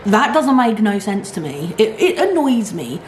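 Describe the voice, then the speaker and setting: A middle-aged woman chatting and ranting casually to camera in an animated, complaining way. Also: medium pitch, measured pace. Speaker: mukbang vlogger. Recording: echoey room, clear background noise.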